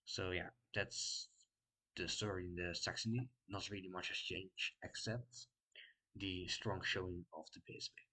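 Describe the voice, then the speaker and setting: A man with a Dutch accent gives casual commentary, his voice low-pitched yet bright and forceful in tone. He talks off the cuff and fills his gaps with frequent pauses as he explains each point. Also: steady tone, poor audio. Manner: unscripted, many filler pauses while explaining. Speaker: political commentary vlogger.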